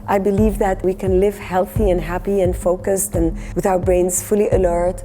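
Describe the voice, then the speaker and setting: A woman's voice: mid-range voice, flat delivery, normal speed, big-room sound, over music. A woman in her sixties, from Lebanon, earnestly introducing herself as a course participant. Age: 60s. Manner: earnest, determined.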